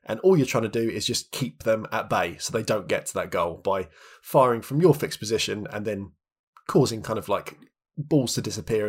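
A husky man in his thirties talks in a loose, reflective way, as a podcast co-host. His pitch sits in the middle. He restarts phrases often and leans on little fillers as he thinks aloud. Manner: chatty, many restarts and "like" fillers. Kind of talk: reflective casual chat.

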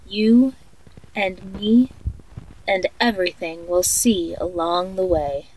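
A woman voicing an eerie, soothing sleep story narrator guiding a children's meditation tape in a hushed, haunting manner. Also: medium pitch, steady tone, slow, slight background noise, natural voice, low-quality recording. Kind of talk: guided sleep meditation in horror audio story.

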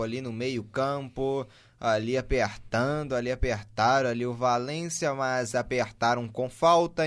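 A man with a Brazilian accent giving running play-by-play commentary on a football match. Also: mid-range voice.

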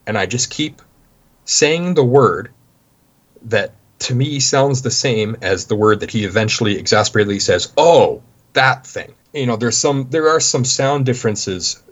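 Canadian man, low husky voice, rambling guest in casual chat, muffled recording. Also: expressive, normal speed, a bit bright. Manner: rambling, many restarts, anecdotal. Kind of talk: casual conversation. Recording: dull lo-fi sound.

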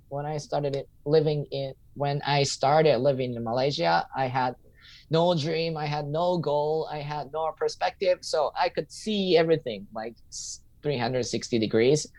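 A comedian and teacher in his thirties answers interview questions casually and thoughtfully, often restating a point while he searches for the right words. His voice is a little high with a darkish tone, at a moderate pace.

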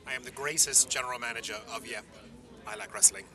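A man's voice: mid-range voice, fairly even intonation, fast talker, bright, forceful tone. A man co-hosting a podcast in a casual, teasing and dramatic style with a campy manner. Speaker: podcast co-host. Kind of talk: casual chat.

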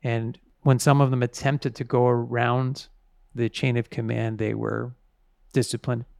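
A man's voice: mid-range voice, level tone, unhurried, creaky, darkish tone, dry recording, studio quality. A man interviewed as an author, explaining things conversationally and stressing key words.

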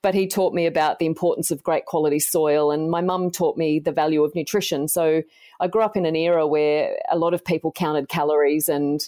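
An Australian woman in her forties, a podcast guest gently and earnestly telling her life story. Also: sits low, fairly even intonation, brisk.

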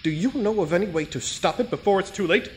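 An actor playing a pompous, eccentric detective who speaks formally and teases his partner deadpan. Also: high-pitched, quick pace, a little hiss or hum. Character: pompous eccentric male detective, dryly teasing.

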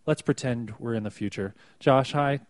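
Halting male podcast host, dry sound. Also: mid-range voice, no echo. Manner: halting, many fillers. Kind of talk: casual news chat.

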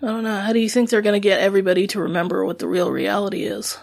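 A woman with a husky, mid-pitched voice full of vocal fry chats casually as a podcast co-host. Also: little pitch movement, racing, a little mellow, no room sound, clean studio sound. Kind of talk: casual discussion.

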